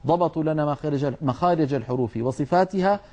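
A man teaching Quran recitation, explaining letter sounds earnestly and sometimes scolding, drawing out his demonstrations slowly. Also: on the high side, a little mellow, muffled recording. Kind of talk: tajweed lesson.

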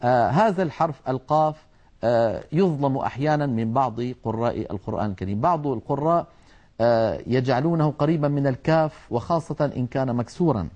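A man teaching Quran recitation, explaining letter sounds earnestly and sometimes scolding, drawing out his demonstrations slowly. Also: mid-range voice, expressive, a little mellow, muffled recording. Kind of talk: tajweed lesson.

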